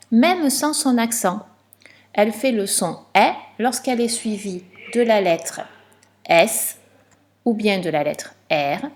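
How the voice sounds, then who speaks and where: A woman teaching a reading lesson to young children, explaining slowly and clearly with patience. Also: mid-range voice.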